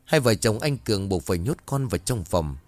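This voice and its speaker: A man narrating a ghost story in a steady, even way. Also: lowish voice, fairly quick, dry recording.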